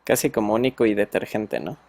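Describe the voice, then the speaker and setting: A man's voice: on the low side, lively intonation, fairly quick, gravelly, a little mellow. A man with a Mexican accent, a teacher chatting casually with his students and telling slangy stories full of fillers.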